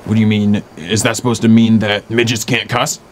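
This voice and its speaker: An actor playing a cranky, gruff 510-year-old little man who curses freely in a film scene with the sheriff. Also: lowish voice, little pitch movement, a little fast, slight background noise, natural voice. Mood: grumbling. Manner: gruff, touchy and cursing. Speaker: townsperson talking to the sheriff. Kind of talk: film dialogue.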